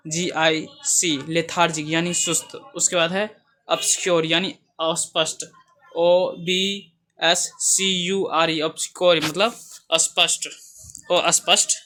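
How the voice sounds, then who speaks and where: A man teaching exam vocabulary, reading each word, spelling it out letter by letter and repeating its meaning in a steady way. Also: on the high side.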